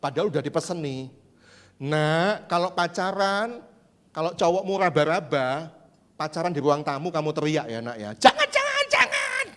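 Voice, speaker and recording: High-voiced pastor in a reverberant hall. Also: male voice, moderate pace. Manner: lively, joking, acts out quoted voices. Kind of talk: sermon. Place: large church hall.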